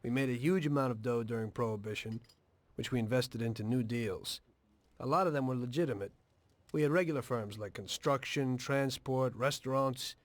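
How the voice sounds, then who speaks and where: An actor voices a weary, pragmatic middle-aged mobster in a video game, plainspoken, measured, and reflective. The male voice is medium-pitched and natural.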